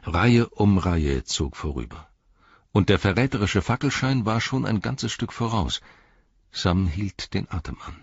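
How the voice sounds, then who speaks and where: A man narrating an audiobook in a measured, dramatic storytelling manner. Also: fairly low pitch, animated, husky, dry recording, muffled recording. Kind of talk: scripted narration.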